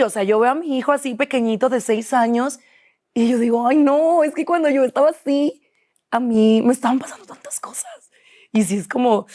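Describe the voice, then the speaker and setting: Her voice fairly high and a little mellow, a young interview guest with a Mexican Spanish accent speaks frankly. She frequently repeats what she and other people said.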